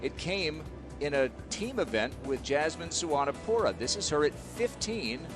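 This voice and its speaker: A man's voice: on the high side, expressive, moderate pace. Male golf commentator over music. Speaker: golf commentator, lead announcer. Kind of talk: live golf tournament highlights commentary. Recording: music behind the voice.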